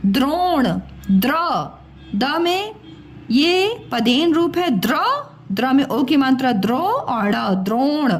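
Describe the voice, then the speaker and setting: A woman's voice: sits high, expressive, slow. A woman teaching young children, spelling out sounds syllable by syllable and repeating each word patiently. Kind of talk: slow spelled-out children's lesson.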